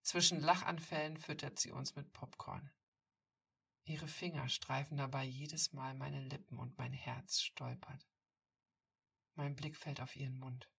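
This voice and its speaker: A woman reading a first-person story aloud, intimate and softly told, on a distant mic. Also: very deep voice, fairly even intonation, measured pace, gravelly, slightly rough. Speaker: audiobook reader.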